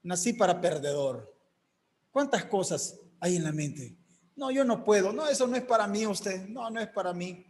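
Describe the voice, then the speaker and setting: Male preacher, emphatic sermon delivery, fairly high voice, long hall reverb. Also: animated, moderate pace, a little mellow. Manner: emphatic, acts out quoted voices.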